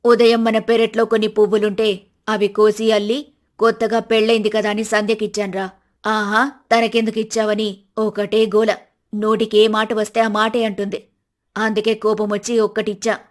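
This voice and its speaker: A woman voicing a strict, proud middle-aged mother-in-law in an animated storybook, scolding in a stern voice. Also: medium pitch, normal speed, natural voice. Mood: complaining.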